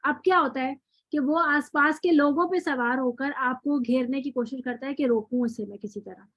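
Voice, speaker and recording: High-voiced woman teaching recitation online. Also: a bit bright, dry recording. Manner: encouraging, praising then lecturing with questions. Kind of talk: online tajweed class, correcting students. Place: online class session. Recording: dry, dull lo-fi online call audio.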